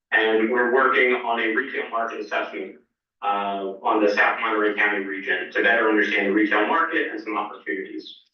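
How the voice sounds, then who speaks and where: Man, business presenter, heard via a phone held to a mic in a meeting room, roomy and distant, uh-filled delivery. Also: on the low side. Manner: steady, with frequent "uh" fillers. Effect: voice from a cell phone held up to a microphone. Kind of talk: formal presentation over the phone. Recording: muffled phone sound through a very echoey hall, from far off.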